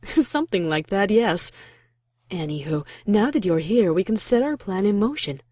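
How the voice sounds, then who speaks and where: A regal pony princess from a cartoon fan drama , acted by a woman, with a soft, mellow tone. She is composed and nonchalant, quietly sly, as if no crisis could bother her. The sound is dry and intimate. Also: medium pitch, lively intonation, normal speed, no room sound, lightly acted. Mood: sly, casual. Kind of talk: fan fiction audio drama acting.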